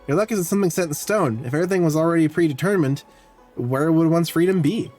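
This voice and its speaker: A man reading the lines of a male fortune-telling shopkeeper with a smooth sales pitch, in a plain voice. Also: fast, a little mellow, soft background music, close to an everyday voice. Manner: read aloud in a plain voice.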